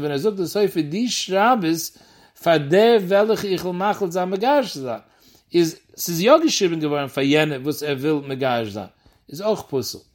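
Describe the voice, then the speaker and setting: A man giving a Talmud lesson, explaining the text in a quick, lively sing-song study chant. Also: on the high side. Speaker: Talmud teacher.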